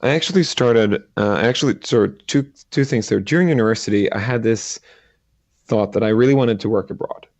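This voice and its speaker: A middle-aged man from Sweden, a guest entrepreneur talking in a casual interview, halting and restarting often with many fillers. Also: on the low side, darkish tone, dry recording.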